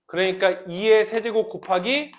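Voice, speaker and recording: A man's voice: sits high, normal speed, slight background noise. A man teaching a math class, often asking students questions and repeating key points as he explains. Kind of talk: classroom lecture.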